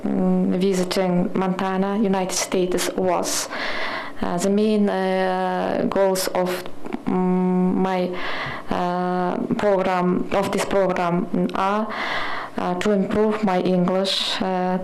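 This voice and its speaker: Woman, english teacher, slow careful intro, keeps stopping to find the word. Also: medium pitch, a little mellow, poor audio. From Kyrgyzstan. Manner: halting, searching for words. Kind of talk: formal self-introduction.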